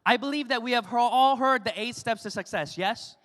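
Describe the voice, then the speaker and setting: A woman addresses a crowd from a stage in a large hall, her slightly high voice carried on a stage mic. Long reverb trails after her short, measured phrases. She keeps prompting listeners with quick check-in questions. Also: a bit bright. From United States. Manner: pauses in short chunks, asks the audience "yes?". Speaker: motivational speaker at a business event. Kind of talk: stage speech with consecutive interpretation.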